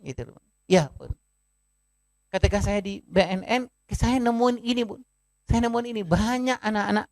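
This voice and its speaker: A man's voice: extremely high pitch, vocal fry, dry recording. A man giving a parenting seminar talk in a conversational manner, addressing the parents in the audience and acting out short family scenes. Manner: conversational, often addresses listeners as "Bun"; acts out short family dialogues in his talk. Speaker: parenting speaker.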